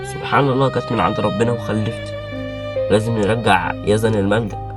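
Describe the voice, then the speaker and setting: A man's voice: lowish voice, fairly even intonation, fast talker, lightly acted. An actor with an Egyptian accent playing a blunt adult father who wants to send an adopted boy back. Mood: firm. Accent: Egyptian Arabic. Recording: music playing behind.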